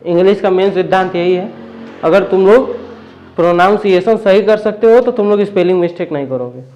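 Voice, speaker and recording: A man's voice: high voice, a little fast, a little mellow, lo-fi sound. A man teaching a classroom lesson, often stopping to ask the students whether they follow. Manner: questioning, checks understanding often. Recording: echoey classroom.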